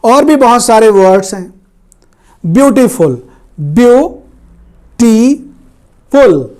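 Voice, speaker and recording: Male grammar tutor, high voice, unhurried, drills example words. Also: expressive, a little mellow. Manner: slow, repeats words for learners. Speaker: English grammar teacher. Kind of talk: Hindi-language grammar lesson.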